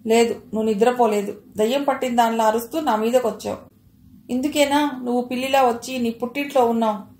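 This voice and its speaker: A suspicious, sharp-tongued older mother-in-law, voiced by a woman narrator. She scolds and accuses in a slightly high voice. The recording carries a roomy echo. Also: fairly even intonation, brisk, lightly acted. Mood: scolding.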